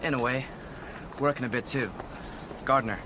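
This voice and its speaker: An American actor voices a guarded, polite, awkward teenage boy in a radio drama, hesitant and deferential in naturalistic dialogue. His mid-range voice sounds natural at a moderate pace, against clearly noisy background ambience.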